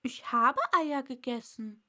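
An earnest little girl, as a woman reading aloud puts her on, protesting and now and then faltering. The voice sits raised and bright, lifting with childlike indignation, in a storybook reading. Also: sits high, takes it slowly, exaggerated voice. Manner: protesting, hesitant. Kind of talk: audiobook character voice.

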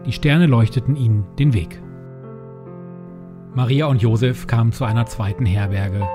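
A man's voice: mid-range voice, moderate pace. Man narrating a Christmas story over music. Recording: music behind the voice.

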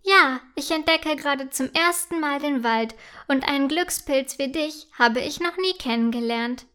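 A woman voicing a tiny, cheerful young female forest elf who talks eagerly and brightly. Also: high voice, unhurried.

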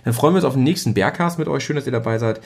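A man hosting a casual podcast, rambling along with lots of filler sounds. He pokes fun at his own show as he goes. His pitch sits in the middle range. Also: rapid-fire, gravelly, darkish tone. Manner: rambling, many fillers, self-mocking. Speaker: podcast host.

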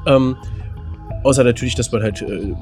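A man's voice: mid-range voice, normal speed, a little mellow, soft background music. A man co-hosting a casual podcast, thinking aloud as a quiz contestant, rambling with lots of fillers and laughter.

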